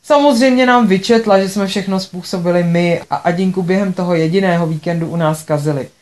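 A woman's voice: on the low side, a little mellow. A woman reading a first-person audiobook with a dry, sarcastic manner. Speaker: narrator.

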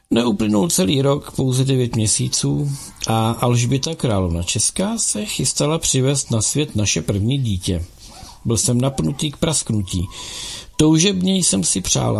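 Gravelly husky guy reading a historical audiobook, lively up-and-down delivery. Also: medium pitch. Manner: measured, expressive storytelling with acted dialogue. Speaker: audiobook narrator. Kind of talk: first-person historical audiobook narration.

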